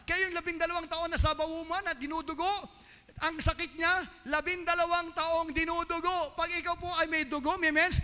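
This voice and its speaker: A man's voice: very high voice, pushed and bright, big-room sound. A man preaching a fervent sermon and mixing in English, who keeps calling out to the congregation as his beloved. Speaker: pastor.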